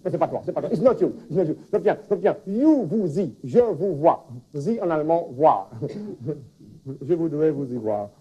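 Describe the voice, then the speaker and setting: A man's voice: a little high, lively intonation, normal speed, slightly rough, muffled recording. A man playing a flustered foreign language teacher in a stand-up comedy sketch, stammering through puns with a put-on accent. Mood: rambling. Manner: stammering wordplay, restarts. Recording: 1979 television broadcast.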